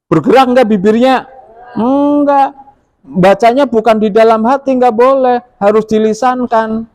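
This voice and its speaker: A man's voice: sits high, darkish tone. A middle-aged man teaching pupils how to pray, explaining step by step and asking them questions. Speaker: religious teacher. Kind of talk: classroom prayer instruction. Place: school classroom.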